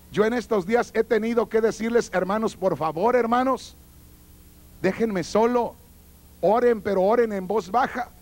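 A male pastor preaching with a notably high voice, earnest and instructive. He speaks straight to his congregation in a teaching sermon and sometimes acts out the voices he quotes.

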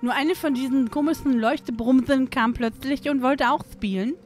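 Woman, very high voice, bright tone, casual gaming chat, faint music. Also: moderate pace. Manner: chatty, laughing asides. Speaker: role-play player. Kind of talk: casual chat during an online game.

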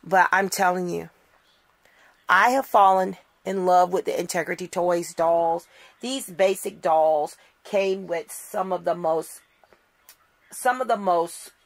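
A woman's voice: on the low side, steady tone, takes it slowly. A middle-aged woman unboxing a doll outfit in casual chat, tired, gushing and repeating words for emphasis. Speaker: doll collector vlogger.

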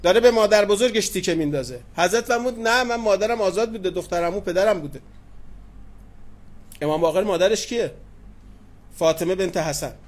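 A man's voice: high-pitched, long pauses. A middle-aged man preaching as a cleric, retelling anecdotes with quoted dialogue and tenderly addressing his listeners. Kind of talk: sermon with storytelling. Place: religious gathering hall.

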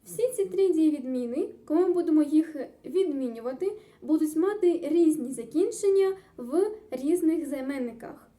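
A woman's voice: high voice, lively intonation, moderate pace, hardly any pauses, dark tone. A woman tutor teaching a grammar lesson, explaining step by step in an upbeat, encouraging way. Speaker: Spanish tutor.

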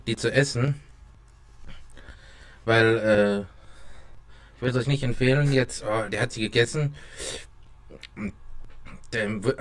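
A young man of average pitch talks casually into a close desk microphone. His mouth is burning and watering from spicy food, so his speech comes out halting. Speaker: vlogger doing a hot chili taste test. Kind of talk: casual talk to camera. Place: small dim room at home. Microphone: close desk microphone with pop filter.

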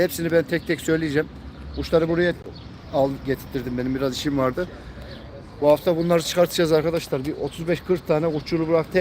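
A man's voice: fairly high pitch, darkish tone, a little hiss or hum. A man hosting a casual live stream, chatting and reading out greetings to viewers. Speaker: host of a live pigeon auction stream.

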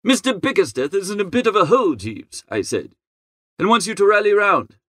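Here the same idle-gentleman character narrates his storybook story at a brisk clip, fully in voice, with a fairly high, vividly swooping delivery full of old-fashioned slang. The scripted audiobook narration feels breezy and talkative, recorded up close, dry and echo-free.

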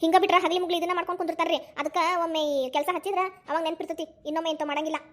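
A strict young cartoon mother, played by a woman with a North Karnataka Kannada accent. She scolds briskly in a very high voice, words tumbling out fast. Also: level tone. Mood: scolding. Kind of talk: cartoon voice acting.

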